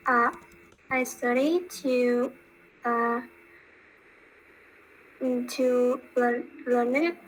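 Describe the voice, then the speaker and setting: A female student with a Vietnamese accent giving a halting practice answer with many fillers. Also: on the high side, fairly bright tone, slight background noise, low-quality recording.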